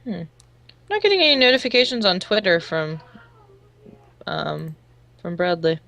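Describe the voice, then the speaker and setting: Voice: mid-range voice, big pitch swings, normal speed, creaky, sharp tone. A stream co-host chatting casually and reading viewer messages aloud. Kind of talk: casual live-stream chat.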